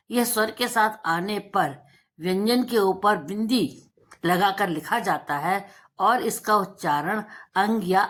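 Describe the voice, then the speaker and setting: A woman teacher with a lowish, fairly bright voice gives children a slow, deliberate Hindi lesson. She draws out example words and poses questions that she then answers herself.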